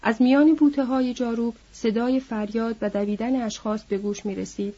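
Woman narrator, measured somber audiobook reading, husky mellow voice, dull lo-fi. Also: a little high, fairly even intonation. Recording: dull lo-fi recording.

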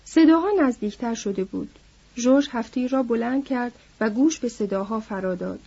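A woman reads an audiobook in a measured, somber way. Her voice is mellow and husky and sits a bit high, and the lo-fi recording sounds dull. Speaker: narrator. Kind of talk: audiobook narration.

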